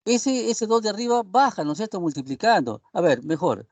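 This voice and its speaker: A male university professor teaches an online class over a video call in a high-pitched, sing-song voice with a darkish tone, speaking fairly quickly with no echo. He rambles, leans on tag questions, and addresses his students as "estimados alumnos".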